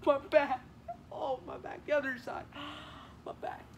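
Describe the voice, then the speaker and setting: A man's voice: high voice, expressive, unhurried, noisy background. A teenage boy playing a weary, teasing old woman nurse in a school Shakespeare reading, drawing out complaints about her aches. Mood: complaining. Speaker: student actor.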